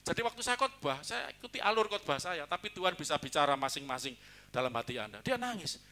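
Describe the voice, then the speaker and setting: High bright-voiced lively pastor. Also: male voice, fast. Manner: lively, joking, mixes in Javanese. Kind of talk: sermon.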